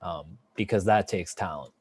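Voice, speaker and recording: A man's voice: low voice, normal speed, darkish tone, husky, no room sound. A man hosting a casual film review chat, talking with enthusiasm and rambling through fillers and restarts. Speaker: podcast host.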